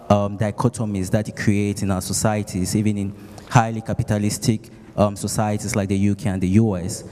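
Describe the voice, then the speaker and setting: A man's voice: on the low side, mellow. A man, a diplomat and scholar, asking an earnest, formal question from the audience at a conference. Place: large conference hall. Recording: reverberant hall sound.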